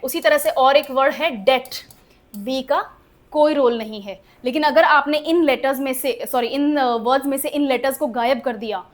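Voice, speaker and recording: A woman, teaching spelling rules in a chatty classroom lesson and often checking whether the class follows. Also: high voice. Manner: lively, chatty, asks the class questions and laughs at the oddities. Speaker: English teacher.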